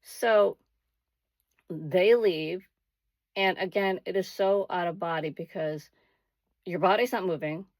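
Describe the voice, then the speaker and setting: A woman with a lowish voice shares a first-person story in a casual vlog style. She leans on key words for dramatic effect. The recording is dry, with hardly any room sound. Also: unhurried, no echo. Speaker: vlogger.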